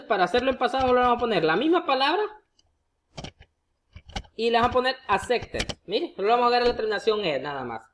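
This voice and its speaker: A patient teacher works through spelling rules one by one, saying each example word twice and pausing with small hesitations. The tone is explanatory and unhurried, with frequent direct asides to the viewer. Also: mid-range voice, a bit bright, slight background noise. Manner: addresses the viewer directly, often with a coaxing "look". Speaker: English teacher. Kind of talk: explaining grammar rules to students.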